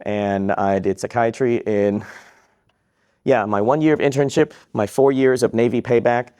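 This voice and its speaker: A man's voice: mid-range voice, steady tone, normal speed, mellow, smooth. A man from Vietnam who works as a psychiatrist, giving a live question-and-answer talk to students, upbeat and joking, repeating each question back.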